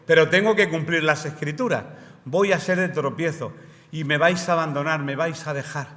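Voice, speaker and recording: Bright-voiced man preaching in a church. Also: fairly high pitch, normal speed. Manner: explanatory, asks the congregation rhetorical questions. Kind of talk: sermon. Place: church hall. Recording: roomy church hall reverb.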